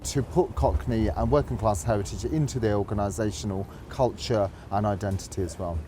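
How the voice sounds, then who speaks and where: A man's voice: lowish voice, fairly even intonation, brisk, warm tone, a little hiss or hum. A man, a festival organiser, speaking in a matter-of-fact way in a news interview.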